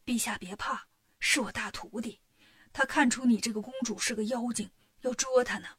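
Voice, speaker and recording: A woman's voice: fairly high pitch, steady tone, normal speed, a bit bright. Woman playing a timid pleading monk. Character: timid gentle male monk.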